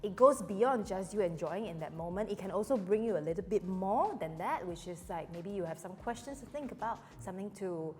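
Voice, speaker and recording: Female guest, Singaporean accent. Conversational, lively and expressive, with music behind her. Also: mid-range voice, fairly quick, hardly any pauses. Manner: animated, expressive. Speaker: theatre actor guest. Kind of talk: casual conversation with Singlish particles. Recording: echoey hall-like reverb, music behind.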